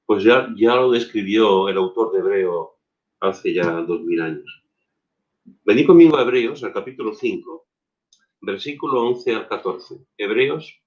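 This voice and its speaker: A man preaching a sermon as pastor, emphatic, repeating phrases and asking rhetorical questions. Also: lowish voice. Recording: dull lo-fi recording.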